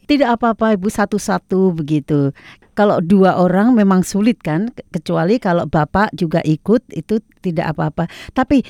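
A woman's voice: lowish voice, moderate pace, mellow, dry recording, studio quality. A woman conducting a conversational interview with polite, chatty questions.

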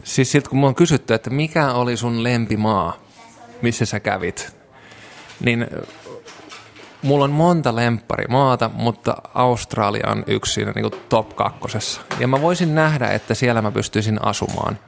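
This Finnish man, a guest in an interview, recounts his travels in an easygoing manner packed with fillers. He speaks in a mid-range voice with vocal fry, and there's slight noise in the background.

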